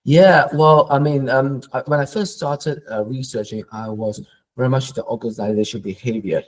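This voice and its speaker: A middle-aged Malaysian professor with a mid-range voice answers interview questions thoughtfully, often pausing and repeating words as he works through his points.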